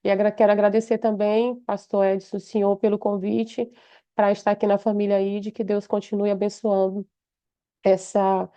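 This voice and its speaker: A woman's voice: medium pitch, little pitch movement, normal speed, dark tone. A woman from Brazil giving a heartfelt personal testimony, speaking devoutly with frequent restarts. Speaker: church member giving testimony. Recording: slightly muffled lo-fi audio.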